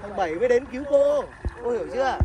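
A man's voice: extremely high pitch, animated, quick pace, distant mic, crowd noise. A man voicing a sneering rich skeleton. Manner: sneering, taunting, boastful about money. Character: arrogant rich male skeleton, cruel ex-lover. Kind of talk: fan audio drama acting. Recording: noisy homemade recording.

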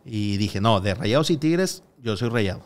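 A man's voice: lowish voice, expressive, measured pace. A man, a podcast guest telling rambling stories full of hesitations and quoted dialogue. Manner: rambling storyteller, frequent hesitations and acted-out quotes. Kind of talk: casual podcast conversation.

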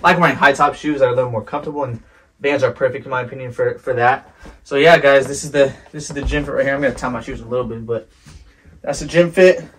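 Laid-back young man vlogging, quick talk. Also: mid-range voice, steady tone, a bit bright. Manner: laid-back, chatty, says bro and man a lot. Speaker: fitness vlogger. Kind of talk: casual vlog talk to camera. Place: home kitchen, indoors.

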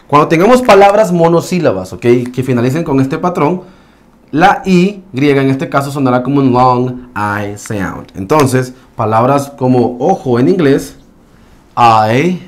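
A man teaching an English pronunciation lesson, explaining rules patiently, often checking in with the class and saying example words slowly. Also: mid-range voice. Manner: explanatory, with frequent check-ins and slow modeled words.

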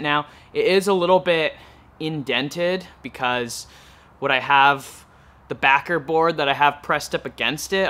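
Bright-voiced young man vlogging in his workshop. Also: on the high side. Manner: chatty, self-deprecating, laughs often. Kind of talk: casual workshop vlog. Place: garage workshop, indoors.

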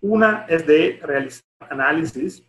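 On a headset during a video call with a roomy echo, a middle-aged Italian man with an Italian accent delivers a formal presentation as deputy director of an international organisation. He speaks in a non-native language and often gropes for words. His voice is a little high and a bit bright, and he takes his time.

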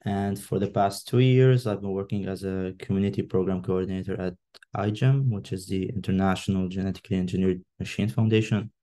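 A man's voice: sits low, fairly even intonation, brisk, mellow. A man from Lebanon giving a candidate statement on a video call, hesitant and full of fillers. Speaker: election candidate. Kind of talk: online meeting statement.

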